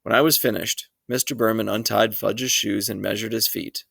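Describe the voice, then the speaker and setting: A man's voice: fairly low pitch, fairly even intonation, moderate pace, creaky, fairly bright tone, no echo, studio quality. A man reading a children's book aloud in a first-person storytelling voice. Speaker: reader.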